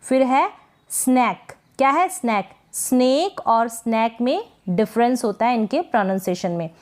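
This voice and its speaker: A woman teaching English pronunciation, slowly repeating words and quizzing the listener. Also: a little high, animated, darkish tone. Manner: slow drilled word repetition with quiz questions. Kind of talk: spoken-word pronunciation lesson.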